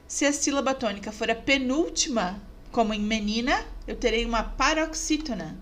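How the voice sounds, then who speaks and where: A woman teacher narrating a review lesson over slides, measured and clear, stressing each example word. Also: on the high side, a little hiss or hum.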